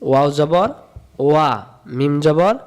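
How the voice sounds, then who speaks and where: A man from Bangladesh, teaching a step-by-step recitation lesson, repeating rules in a sing-song chant and drawing sounds out slowly. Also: fairly high pitch, a little mellow, clear, resonant tone. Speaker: Quran reading teacher.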